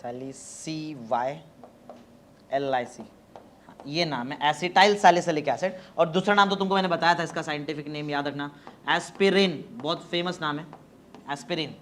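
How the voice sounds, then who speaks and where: A man teaching chemistry in a classroom, dictating notes slowly and spelling words out letter by letter. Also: fairly high pitch, a bit bright, slight background noise. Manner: mixes Hindi and English, urging students to hurry.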